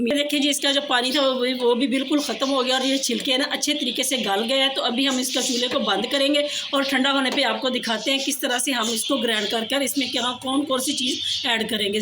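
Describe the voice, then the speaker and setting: A high-voiced woman with a Pakistani Urdu accent walks viewers through household tips in a chatty, repetitive way. Her throat is sore from a cough. A faint hiss of noise sits under her voice. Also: fairly bright tone. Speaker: home cooking and tips vlogger. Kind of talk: casual how-to demonstration.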